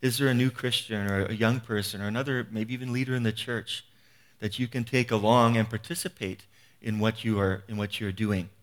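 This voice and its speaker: A man's voice: on the low side, steady tone, brisk. A man in his fifties giving an earnest, conversational sermon, often restarting phrases and asking rhetorical questions. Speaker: preacher.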